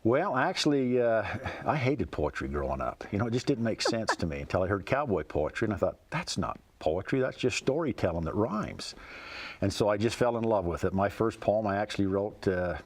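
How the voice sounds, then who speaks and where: A man's voice: on the low side, expressive, brisk, hardly any pauses. A man chats casually as an interview guest, folksy and plainspoken. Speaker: interview guest, cowboy poet.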